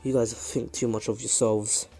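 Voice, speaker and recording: A man's voice: medium pitch, little pitch movement, normal speed, gravelly, warm tone, breathy edge, soft background music. Naruto, a man doing a cocky teen ninja. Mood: defiant. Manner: taunting, blunt. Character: brash cocky teenage boy ninja.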